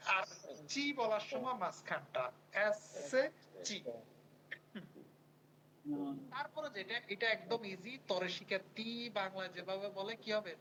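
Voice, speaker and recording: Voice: medium pitch, takes it slowly, pauses often, bright, forceful tone, a little hiss or hum, poor audio. Patient teacher drilling pronunciation. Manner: repeats words and prompts students to say them back. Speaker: language teacher. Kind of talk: online language lesson.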